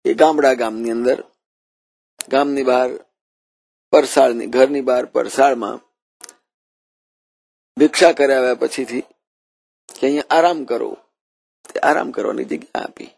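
A man's voice: mid-range voice, fairly even intonation, a little slow, vocal fry, pauses often, darkish tone, no echo. A man preaching a devotional sermon, telling a story and often repeating and rephrasing his words. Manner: repeats and rephrases while narrating.

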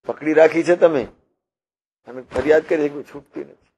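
A man preaching a devotional sermon, teaching slowly and repetitively with rhetorical questions and parables. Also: a little high, steady tone, a little mellow, breathy edge. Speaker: religious preacher.

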